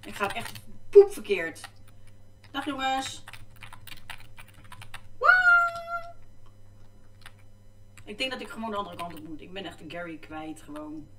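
A woman's voice: lowish voice, normal speed, far from the mic, slight background noise. A woman, chatting casually and exclaiming as she plays a game at her computer. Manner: chatty, easily distracted, exclaiming. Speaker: gaming vlogger. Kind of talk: casual gameplay commentary. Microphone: desk microphone. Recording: echoey room, mic off to the side.

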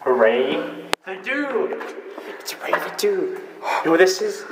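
A teenage male chatting excitedly and casually with friends, with tunnel echo around his voice. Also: high-pitched, takes it slowly. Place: inside a concrete sewer tunnel. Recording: echoing tunnel, distant mic, heavy noise.

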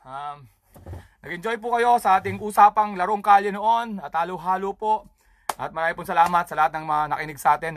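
A man's voice: sits high, fairly bright tone, a little hiss or hum. A man hosting his own comedy show, telling rambling, crude, swear-filled stories about childhood in a casual stand-up style. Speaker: comedian host.

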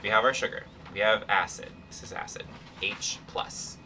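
Bright-voiced young man, slightly distant. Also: on the low side, moderate pace, creaky. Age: young adult. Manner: playful, slangy, irreverent. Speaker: chemistry presenter. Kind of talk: casual science explainer. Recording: distant camera mic, faint room noise.

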